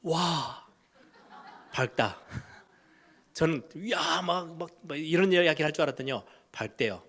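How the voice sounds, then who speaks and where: A middle-aged man, a pastor, preaching a sermon in a storytelling way, swinging between loud emphatic lines and hushed low ones. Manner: storytelling, acts out quoted voices of kids and parents.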